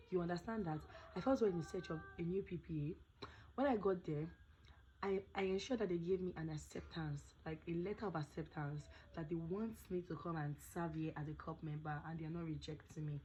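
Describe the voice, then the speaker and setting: A woman's voice: on the low side, fairly quick, warm tone, slight background noise, rough recording. A young Nigerian woman vlogging casually, chatting with pidgin phrases, her voice not fully recovered. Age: young adult. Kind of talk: casual storytelling vlog.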